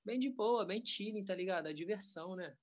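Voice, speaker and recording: A man, a professional skateboarder talking in a relaxed, rambling way full of slang. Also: high-pitched, a little fast. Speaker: pro skateboarder guest. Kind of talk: casual interview chat.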